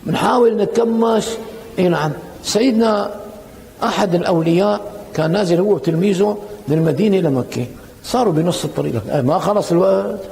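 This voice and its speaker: A man's voice: high voice, quick pace, gravelly, big-room sound, a little hiss or hum. A man preaching a colloquial sermon, telling stories and acting out the dialogue. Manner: animated, acts out quoted dialogue in storytelling.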